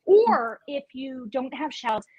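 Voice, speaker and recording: A woman's voice: sits high, very animated, unhurried, mellow, husky, rough recording. A woman chef teaching a live virtual cooking class over a video call, chatty and playful in her instructions.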